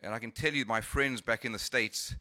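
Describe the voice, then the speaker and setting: Speaking at a conference, this South African man has an accent that mixes Cape Town with California. His medium-pitched voice is steady, brisk, bright and forceful, yet he keeps stalling with fillers and restarts. The sound is dry.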